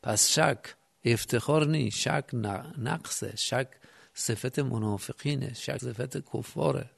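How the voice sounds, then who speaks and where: A man with a heavily gravelly, creaky voice delivers a religious lecture. He builds his argument step by step, stopping to ask his listeners rhetorical questions, and now and then recites lines in classical Arabic. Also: medium pitch. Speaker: cleric teaching religious text.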